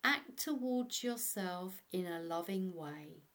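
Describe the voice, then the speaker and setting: A woman narrating a guided meditation as an instructor, in a measured way. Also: lowish voice, animated, a bit bright. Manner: slow, measured, instructional delivery.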